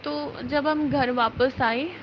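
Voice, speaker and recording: High-voiced woman giving devotional testimony. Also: fairly even intonation, slow pace, highs cut off, noisy background. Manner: earnest, emotional storytelling with Hindi-English mixing.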